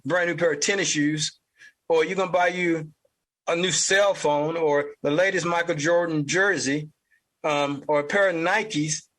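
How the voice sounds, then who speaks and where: A man's voice: on the high side, fairly bright tone. A man with a Southern US accent hosting an opinion podcast, talking in a blunt, profane, ranting way. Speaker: podcast host. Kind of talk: opinion commentary.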